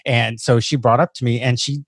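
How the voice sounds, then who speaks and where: A man's voice: medium pitch, fairly even intonation, fairly quick, husky, no room sound, clean studio sound. A man speaking as a podcast guest, chatting casually in an earnest, effusive way. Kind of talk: casual interview conversation.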